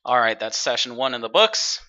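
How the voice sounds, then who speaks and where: A man's voice: mid-range voice, sing-song, fairly quick, sharp tone, lo-fi sound. A man hosting casual live sim racing commentary as race commentator.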